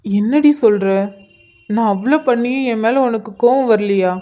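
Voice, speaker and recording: A woman's voice: on the high side, moderate pace, warm tone, faint music behind, lightly acted. A woman voicing Arjun, an apologetic young husband and new father in a cartoon, speaking in a subdued way. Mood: remorseful. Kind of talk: cartoon voice acting.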